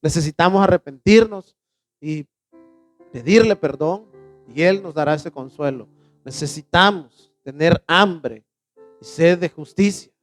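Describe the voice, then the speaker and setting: A male pastor preaching a sermon in a church, asking the congregation questions and answering them, reading scripture slowly with emphasis. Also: fairly high pitch, soft background music.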